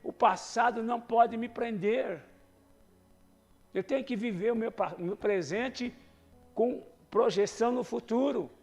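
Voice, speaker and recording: A man preaching a sermon in a conversational way, moving between soft asides and loud exhortation. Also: very high voice, a little slow, creaky, faint music behind.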